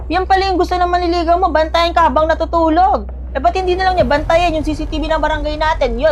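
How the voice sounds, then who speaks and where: A woman's voice: high-pitched, close to an everyday voice. A woman acting as a strict, nagging mother who lectures and scolds her daughter sarcastically in a comedy skit.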